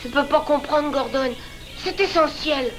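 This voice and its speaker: A woman's voice: sits high, unhurried, soft background music. A woman voicing a remorseful young boy in a French cartoon dub, talking in an urgent, pleading way. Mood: insistent.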